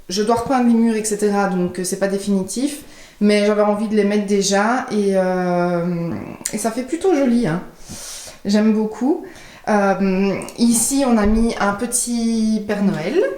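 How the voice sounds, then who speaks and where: A woman's voice: mid-range voice, a little mellow. A young woman gives a casual tour of her home, chatting and often searching for the right word as she shows things. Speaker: home decor vlogger. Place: indoors at home, walking room to room. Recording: roomy echo of a home room.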